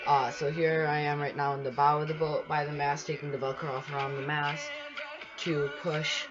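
A man's voice: fairly high pitch, level tone, moderate pace, lo-fi sound. A young man casually narrating a voice-over about cleaning his sailboat, rambling with lots of fillers and restarts. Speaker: sailing vlogger narrating his boat work. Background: background music.

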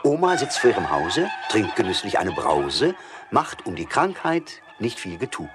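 A man's voice: fairly low pitch, moderate pace, heavy background noise. A man narrating a rhymed fairy tale with mocking humor, switching into voices for the characters. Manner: lively, mocking storyteller voicing characters. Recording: studio record with music behind.

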